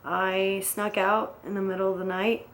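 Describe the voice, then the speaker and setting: A woman's voice: mid-range voice, little pitch movement, normal speed, slight background noise. A young woman casually telling her own story in a rambling, blunt way, swearing often.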